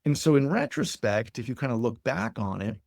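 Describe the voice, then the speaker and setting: A man being interviewed as a company founder, telling stories in an animated way and often repeating words as he builds a point. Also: medium pitch, fairly quick, creaky, no echo, studio quality. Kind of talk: conversational interview.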